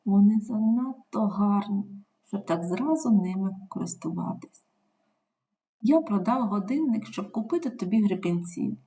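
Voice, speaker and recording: A woman reading the lines of a young husband, gentle and reassuring. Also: medium pitch, animated, a little slow, far from the mic, lightly acted. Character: young husband, calm and loving.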